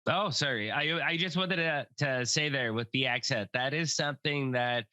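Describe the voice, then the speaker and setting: Here the same kind of podcast host, a middle-aged man, keeps the interview chat loose, cracking jokes, staying upbeat and saying things twice. His mid-range voice has a sharp edge, moves at a normal speed, and carries no room sound.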